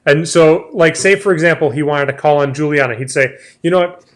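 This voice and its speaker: A man's voice: on the high side, fairly quick. Chatty man hosting a travel talk. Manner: chatty, restarts sentences often. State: has the hiccups. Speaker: travel show host. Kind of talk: casual chat.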